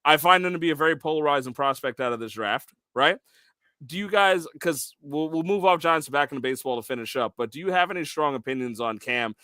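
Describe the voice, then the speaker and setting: A man with a bright, forceful voice and a slightly high pitch, chatting casually about sports as a podcast co-host. He is an excitable storyteller who keeps throwing in quick asides. His voice sits close and dry, with no room sound around it. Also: no echo.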